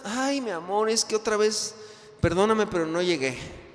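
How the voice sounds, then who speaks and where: Casting: sobbing cheating husband begging forgiveness, played by a man, strained and high, echoing hall. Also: moderate pace, natural voice. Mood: sheepish. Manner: tearful, pleading, high-pitched. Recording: reverberant hall.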